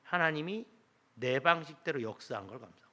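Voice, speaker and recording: A man's voice: fairly high pitch, animated, fairly quick, bright, forceful tone. A middle-aged man preaching a Sunday sermon as pastor, telling a story and acting out its dialogue. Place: church sanctuary.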